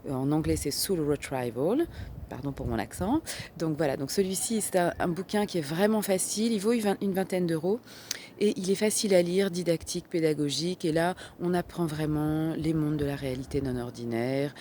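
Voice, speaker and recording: A French-accented woman talks casually to camera as a holistic therapist, with many fillers and restarts. Her voice is low and mellow. A faint hiss sits under the recording. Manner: hesitant, many fillers and self-corrections. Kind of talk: casual recommendation vlog.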